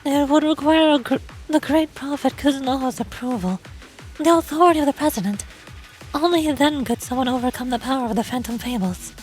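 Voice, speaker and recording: A woman's voice: high voice, brisk, darkish tone, faint music behind, lightly acted, low-quality recording. A woman voicing a solemn, self-doubting girl warrior in a game story, with formal, grave phrasing. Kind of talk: amateur voice acting of a game story.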